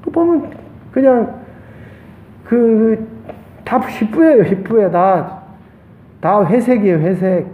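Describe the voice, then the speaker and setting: A male pastor with a Gyeongsang accent preaching a sermon with passion, his voice swinging between loud highs and hushed lows. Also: animated, slow, pauses often. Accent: Gyeongsang Korean. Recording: echoey church room, tinny phone-like sound.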